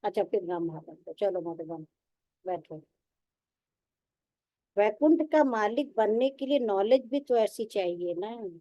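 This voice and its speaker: Woman teacher, devotional sermon, emphatic and repetitive storyteller, mellow tone, dry close sound. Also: mid-range voice, animated, unhurried, long pauses, no echo, lo-fi sound. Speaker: spiritual teacher.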